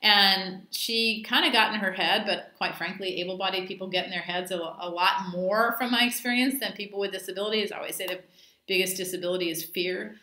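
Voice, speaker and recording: A woman dive instructor talks through a training session in a chatty, anecdotal way, with plenty of ums and asides. Her voice is bright and forward. The room around her is echoey. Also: mid-range voice, steady tone, brisk, slight background noise. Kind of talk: casual training talk.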